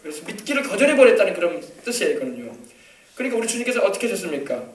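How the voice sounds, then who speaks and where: Fast, high-voiced Korean pastor preaching. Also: male voice, big pitch swings, distant mic. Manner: preaching with call-and-response questions. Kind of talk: sermon. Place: church sanctuary. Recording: echoey church from off-mic.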